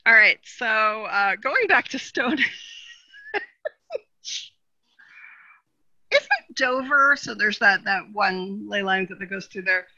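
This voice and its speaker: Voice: medium pitch, lively intonation, takes it slowly, long pauses, sharp tone, no room sound, muffled recording. A podcast co-host in a casual, rambling chat, with many "you know" fillers and frequent laughter.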